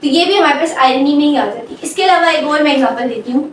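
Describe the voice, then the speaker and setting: A high-pitched woman teaches grammar, stopping often to check she is understood. Her voice comes from well away from the mic, in a very echoey room, with a faint hum behind it. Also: fast, recorded from a distance. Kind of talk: grammar lecture.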